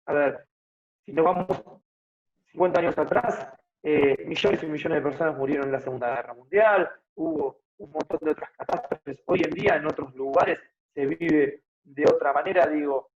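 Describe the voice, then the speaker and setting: Guest, 30s, Buenos Aires accent, fairly high voice, thinks aloud, slightly muffled audio. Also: male voice, moderate pace. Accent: Argentine Spanish (Buenos Aires). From Argentina. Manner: explanatory, thinks aloud with frequent tag questions. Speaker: guest, fitness motivator. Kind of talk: casual interview conversation.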